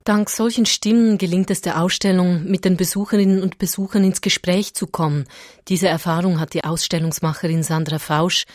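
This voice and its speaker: A woman reporter reading a scripted radio news feature in an even, measured way. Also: on the low side, no room sound.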